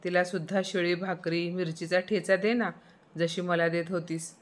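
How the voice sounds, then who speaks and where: The vengeful ghost of an old mother-in-law, put on by a woman narrator in a storybook tale. She scolds harshly and threatens, with a lowish voice and pitch that rises a little above the narration. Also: level tone, normal speed, natural voice. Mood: menacing scolding.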